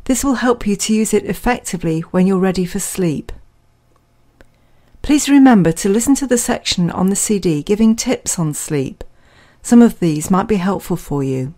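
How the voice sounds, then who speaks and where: A woman reading a scripted guided relaxation in a calm, measured, soothing manner, leaving pauses between phrases. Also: mid-range voice.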